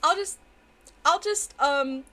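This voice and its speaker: A woman livestreamer chatting casually to her viewers in a playful, giggly, excitable gamer-girl manner. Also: high-pitched, slow. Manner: excitable, exclamatory.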